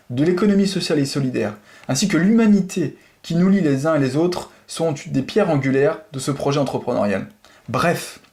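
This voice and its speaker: Earnest young man reading his pitch. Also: a little mellow, husky. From Lille area, northern France. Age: 20s. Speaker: entrepreneur presenting his project. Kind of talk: scripted pitch narration.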